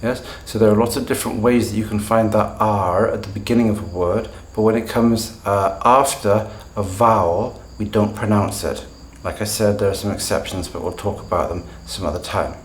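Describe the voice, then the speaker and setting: A man with a standard British accent giving a pronunciation lesson, speaking in a measured way and slowing down to model example words. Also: lowish voice, steady tone, echoey room, slight background noise. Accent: standard British English. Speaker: English pronunciation teacher.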